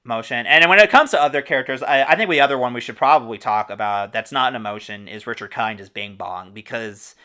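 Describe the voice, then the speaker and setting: A man hosting a relaxed movie talk, keen to share behind-the-scenes trivia. His voice is bright and smooth, very clean in tone. He talks with easy enthusiasm and the odd laugh. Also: medium pitch. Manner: enthusiastic, informative, quick asides with laughs. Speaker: podcast host. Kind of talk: casual movie discussion.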